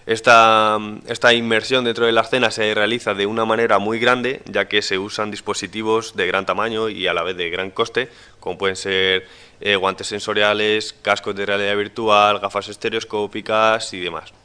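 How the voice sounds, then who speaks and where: A man's voice: fairly low pitch, flat delivery, normal speed, bright, forceful tone, clear, resonant tone. A man giving a conference talk from slides to an audience, hesitant, with many restarts and fillers. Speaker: conference speaker.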